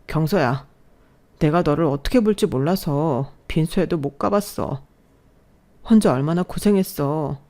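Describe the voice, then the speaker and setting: A woman's voice: sits low, a little slow, mellow. A woman voicing a two-faced husband who pleads in a fawning, wheedling way. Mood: pleading.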